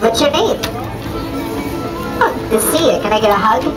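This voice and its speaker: A woman's voice: fairly high pitch, expressive, moderate pace, lightly acted. A woman playing a cheeky, friendly talking trash can, improvising banter as she teases and greets passers-by. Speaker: theme park street entertainer. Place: busy outdoor theme park plaza. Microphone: handheld camera at a distance. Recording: far-off outdoor voice, loud music and crowd.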